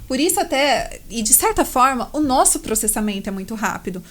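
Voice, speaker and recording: A woman with a Brazilian Portuguese accent hosts a podcast conversation, enthusiastic and full of little tag questions. Her voice sits a bit high. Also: big pitch swings, brisk, fairly bright tone. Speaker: podcast host. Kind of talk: conversational interview.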